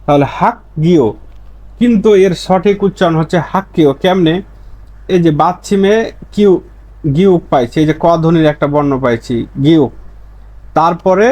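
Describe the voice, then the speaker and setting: A man with a somewhat high voice and darkish tone, a language teacher, gives a pronunciation lesson. Patiently, he repeats each example slowly and poses questions to himself before answering them.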